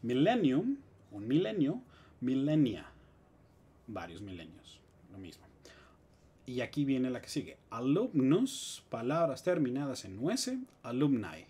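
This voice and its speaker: A man with a Mexican Spanish accent, teaching English grammar in a live stream with lively explanations and joking asides. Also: mid-range voice, unhurried, long pauses, breathy edge.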